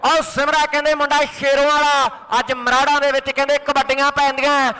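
A man's voice: very high-pitched, flat delivery, brisk, pushed and bright. A man with a Malwa Punjabi accent gives frantic live rural sports commentary on kabaddi, breaking into chanted folk verse. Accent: Punjabi from Indian Punjab's Malwa region.

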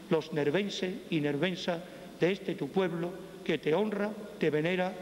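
A man as a priest leading Mass, solemnly intoning liturgical prayers, his voice heard with a booming church echo. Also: a little mellow. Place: large church, indoors. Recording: echoey church from a distance, hiss.

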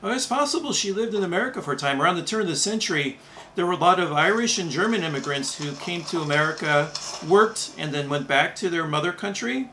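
Man, middle-aged, reaction video host, casual commentary, careful pauses, tense bright tone, slightly raised pitch. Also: lively intonation, a little hiss or hum. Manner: careful enunciation with small pauses.

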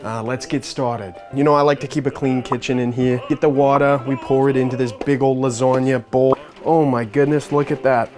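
A man's voice: mid-range voice, steady tone, normal speed, hardly any pauses. A man giving playful, casual cooking commentary as the cook and server, slangy and hammy. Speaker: joking cook and server in a challenge video. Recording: loud background music. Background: music.

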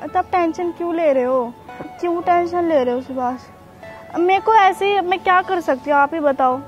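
A woman with a high voice who speaks softly and pleadingly, trying to soothe the person she is talking to. Faint music sits in the background. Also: moderate pace, dull audio. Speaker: YouTuber pranking her partner. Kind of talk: emotional couple vlog talk.

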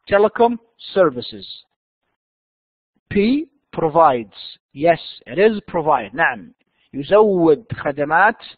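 A man teaching an online English class, drawing out the English words slowly and rattling off quick explanations. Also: on the high side, husky, no room sound. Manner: switches between slow drawn-out English and quick Arabic explanations. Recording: dry, phone-like narrow sound.

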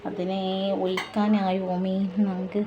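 A woman's voice: mid-range voice, little pitch movement, measured pace, lo-fi sound, very noisy. A woman, a home cooking vlogger and mother, chatting casually to viewers as she cooks and tagging friendly asides onto her sentences. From Malappuram, Kerala. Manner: chatty, keeps adding friendly tag questions to viewers. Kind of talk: casual cooking vlog narration. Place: home kitchen while cooking. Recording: loud clattering pots, dishes and stirring.

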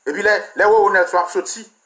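A man's voice: high-pitched, steady tone, fast, bright, forceful tone. A man with a Haitian accent, a political commentator delivering a heated, mocking and crude rant.

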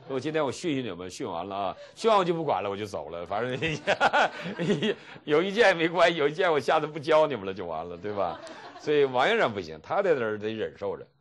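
A man's voice: mid-range voice, fairly quick, hardly any pauses. A middle-aged man from mainland China, a pastor teaching a seminary class and telling stories with chuckles. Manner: animated storytelling, acting out dialogue with chuckles. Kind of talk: seminary lecture.

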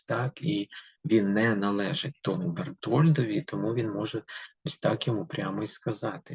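A male teacher with a low, gravelly, very husky voice reads verse aloud to his class, pressing on the lines, then talks it through slowly with plenty of hesitations. The recording is dull and lo-fi, with a dry, close sound. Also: darkish tone, no room sound. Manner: reads verse with emphasis, explains with many fillers. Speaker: literature teacher. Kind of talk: reading a poem aloud and explaining it to pupils.

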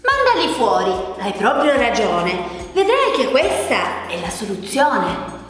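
A woman voicing a wise old man in a children's storybook, giving brisk, matter-of-fact advice. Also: fairly high pitch, huge pitch swings, fairly bright tone, distant mic, heavily acted. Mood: advising. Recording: echoey room with long reverb, faint music.

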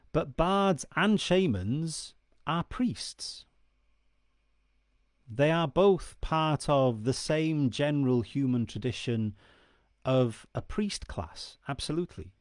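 Speaking into a studio mic on a stand just in front of him, a fortyish man whose first language is Welsh walks the camera through Celtic myth. He's earnest and frequently checks in with the listener. His voice sits on the high side, and the dry, studio-quality recording was made in a dark indoor room.

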